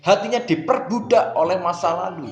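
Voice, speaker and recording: Male pastor, sermon delivery, fairly high voice, roomy echo and soft guitar underneath. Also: moderate pace. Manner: addresses listeners as "saudara" often, rising and falling emphatically. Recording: echoey room with faint guitar music.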